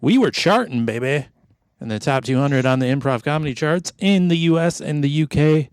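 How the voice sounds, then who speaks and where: A man's voice: a little high, moderate pace, smooth, no echo. A middle-aged man hosting an improv comedy podcast, rambling along in a jokey, mock-sentimental way. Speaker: podcast host.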